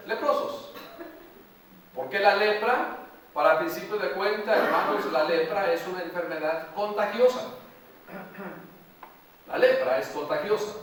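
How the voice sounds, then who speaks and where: A male pastor from Mexico preaching a sermon slowly and emphatically, repeating phrases and putting questions to the congregation. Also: high-pitched, a bit bright, a little hiss or hum. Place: large church hall. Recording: echoey hall, voice from far off.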